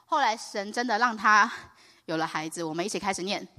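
A woman preaching and telling her own story in an excitable way, often rising to loud, high exclamations. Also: a little fast. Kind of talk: animated sermon testimony. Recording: reverberant hall.

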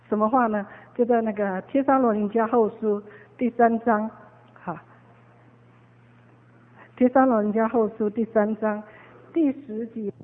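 A woman preaching a sermon, telling a story with many fillers and repeated words. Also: fairly high pitch. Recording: tinny phone-like echoey hall.

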